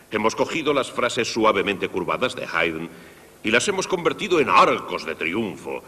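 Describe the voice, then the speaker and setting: A man with a low, husky voice teaches young listeners about the orchestra. His pitch swings widely as he explains, speaking straight to the children. The sound carries a long hall reverb. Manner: lively, explanatory, addressing children directly. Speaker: conductor presenting a concert for young people. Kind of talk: Spanish dub of a televised music lesson.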